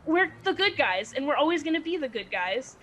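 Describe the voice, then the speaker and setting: A woman's voice: high-pitched, sing-song, brisk, fairly bright tone. A woman playing a tabletop game, eagerly thinking aloud with the group. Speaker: player. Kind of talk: tabletop role-play chat.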